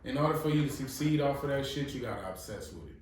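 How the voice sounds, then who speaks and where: Speaking fast in an expressive, medium-pitched voice with a darkish tone, this man sits far from the mic, with a little hiss or hum audible. He's a blunt New Orleans, Louisiana podcast co-host in an echoey room, giving blunt advice over casual chat. His manner is profane, emphatic, and motivational.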